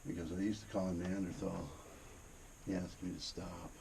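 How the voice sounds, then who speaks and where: Gravelly low-voiced man swapping stories. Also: level tone, moderate pace, dark tone. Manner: profane, rambling, laid-back. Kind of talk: casual anecdotal storytelling. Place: inside a cave during a tour. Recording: noisy cave ambience. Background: cave ambience, noise.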